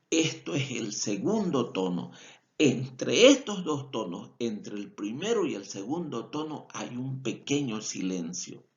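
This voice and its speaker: Bolivian male vet lecturer, slow patient explainer, lively intonation, dull lo-fi audio. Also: medium pitch. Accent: Bolivian Spanish. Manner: explanatory, repeats key points, self-corrects. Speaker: veterinary lecturer. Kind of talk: recorded lecture over slides.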